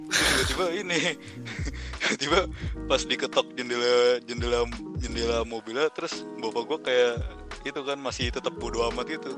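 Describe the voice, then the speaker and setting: A man's voice: medium pitch, brisk, over music. Rambling, slangy young man. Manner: slangy, rambling, laughs through his story. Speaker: guest storyteller. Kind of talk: casual chat.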